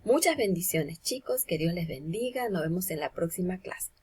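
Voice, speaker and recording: A woman's voice: on the low side, expressive, normal speed, a little mellow, slightly rough. A woman, teaching a grammar lesson to children online and explaining patiently through examples.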